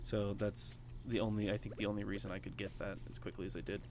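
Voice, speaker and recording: This gaming streamer speaks at a racing pace in a lowish voice with little pitch variation, with background noise behind him. Playing a farming game, he chats casually with viewers, using many fillers in a laid-back let's play.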